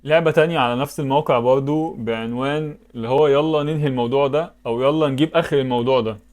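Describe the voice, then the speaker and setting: A man's voice: mid-range voice, rapid-fire, a little mellow. A man with an Egyptian Arabic accent giving casual commentary while playing web games, thinking aloud and breaking into sudden exclamations. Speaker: YouTuber.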